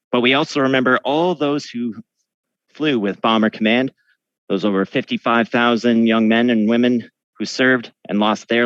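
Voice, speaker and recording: A man's voice: fairly low pitch, fairly bright tone, no room sound, muffled recording. A man guiding a museum tour, earnestly and solemnly retelling a wartime story.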